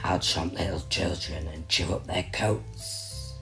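A woman voicing a greedy, gleeful male troll in a deep growl for a read-aloud picture book. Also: takes it slowly, creaky, exaggerated voice. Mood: gloating. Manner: gloating, relishing every word. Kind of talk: storybook reading. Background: soft music.

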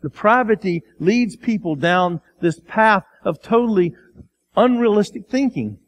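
A man with a Midwestern American accent preaching a sermon as pastor, acting out quoted voices and swinging between loud, raised lines and quiet, low ones. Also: lively intonation, measured pace. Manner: acts out the crowd and Pilate in quotes, sometimes shouting; drops to a quiet, low voice for emphasis.

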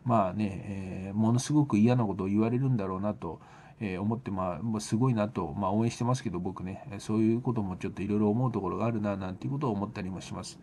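A man's voice: fairly low pitch, quick pace, warm tone, a little hiss or hum. A man hosting a solo talk show, speaking earnestly and directly to his listeners, hesitant and full of fillers and restarts. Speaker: radio show host. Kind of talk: solo talk radio monologue.

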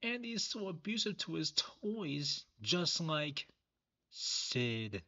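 A man's voice: a little high, sing-song, slow pace, lo-fi sound, very noisy. A young man hosting a reaction video, making playful, laughing quips in casual commentary.

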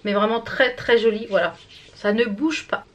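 A woman's voice: on the high side, fairly even intonation, normal speed, a bit bright, a little hiss or hum. A woman from France chatting casually through a makeup product review, with many fillers and restarts. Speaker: beauty vlogger.

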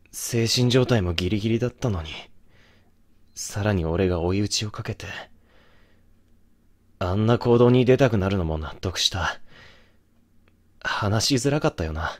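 A man voicing a young boyfriend in an ASMR situation drama, remorseful, brusque yet tender and protective, talking bluntly and intimately as in pillow talk. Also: fairly low pitch.

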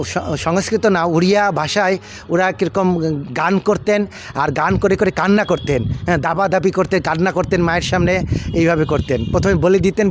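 A man from India, an ISKCON monk, recounting his past in an unhurried, casual storytelling way, repeating himself and pausing on fillers. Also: high-pitched, slight background noise. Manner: unhurried, repetitive, with many fillers and restarts.

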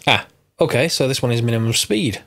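A man with a cold-stuffed, congested voice hosts a Minecraft mod tutorial, narrating casually, thinking out loud and fixing his own mistakes as he goes. His pitch sits in the middle, his pace is a little quick, and his tone is slightly bright.

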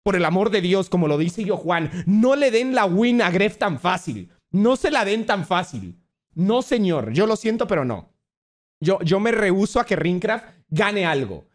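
A man's voice: high-pitched, unhurried. A young man, a streamer reacting to clips in casual commentary, blunt and mocking. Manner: animated, blunt, swears and mocks playfully.

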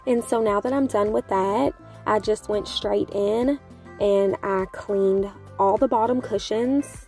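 A woman vlogger chatting casually to her viewers in a voice-over, upbeat and friendly. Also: medium pitch. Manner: chatty, upbeat, addresses viewers as you guys. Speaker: home vlogger. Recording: voice-over with soft background music.

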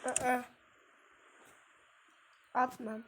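A woman's voice: sits high, level tone, very slow, fairly bright tone, slight background noise. A woman giving casual gameplay commentary, muttering and cursing at the game and chatting to her viewers. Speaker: gaming streamer.

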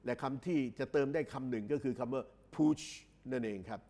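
A man lectures, explaining slowly, repeating phrases and drawing out each English word. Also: medium pitch, warm tone. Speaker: English exam tutor. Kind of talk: recorded lecture.

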